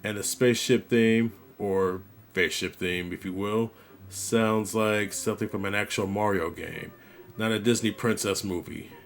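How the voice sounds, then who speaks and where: Gaming vlogger, male, low gravelly voice, easygoing storyteller. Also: fairly even intonation, moderate pace. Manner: laid-back, conversational storytelling. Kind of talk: storytelling monologue.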